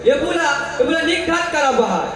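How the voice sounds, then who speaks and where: Stage role: blunt, worked-up villager played by a man, very high voice, distant echo. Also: big pitch swings, a little fast. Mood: agitated. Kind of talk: theatrical stage dialogue. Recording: echoey, distant from mic.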